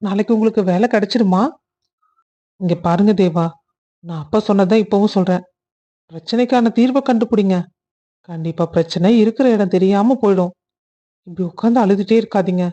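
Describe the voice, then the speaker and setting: Woman playing a young cartoon hero, earnest, reassuring, mid-pitched. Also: mellow, muffled recording, natural voice. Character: kind, earnest young man.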